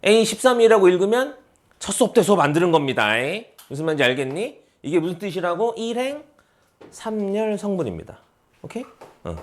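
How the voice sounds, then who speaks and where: Animated male math teacher quizzing students. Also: high voice, fairly quick. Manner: repetitive, checks understanding with rhetorical questions; answers his own questions, teasing students who skipped class. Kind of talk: classroom math lecture.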